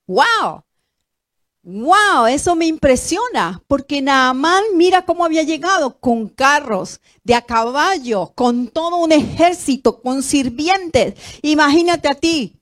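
A woman preaches a sermon in a somewhat high voice. She is animated, bursting into exclamations and then sinking to quiet, low remarks. She keeps turning to her listeners with direct questions. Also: slow. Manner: animated, swings between loud exclamations and soft low asides.

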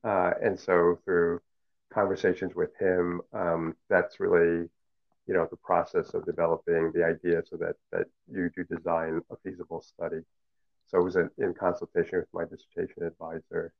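Answering interview questions, a middle-aged professor who grew up speaking Cantonese talks slowly and thoughtfully in a low, gravelly voice with a level tone. He uses many fillers and restarts, and the audio is thin and tinny, like a phone call.

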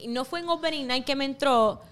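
A young woman, a musical theater actress chatting as a podcast guest, animated and laughing often. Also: sits high, fairly quick. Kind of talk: casual interview chat.

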